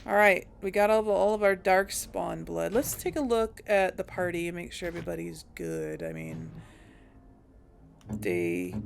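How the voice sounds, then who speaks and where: A young woman hosting a let's play chats casually through a video game, thinking aloud and correcting herself as she goes. Her voice is fairly low and creaky, with a little hiss or hum in the recording.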